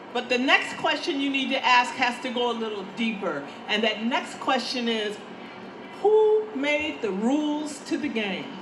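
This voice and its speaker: A woman speaking at a rally in an emphatic, preaching manner built on rhetorical phrasing. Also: a little high. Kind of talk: protest oratory. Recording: echoey, noisy rally PA.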